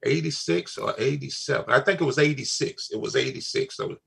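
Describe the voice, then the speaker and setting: A man's voice: medium pitch, a little fast, vocal fry, a bit bright, breathy edge. An older man, talking in a casual family chat, emphatic and repeating his key phrases. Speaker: father on a family talk show.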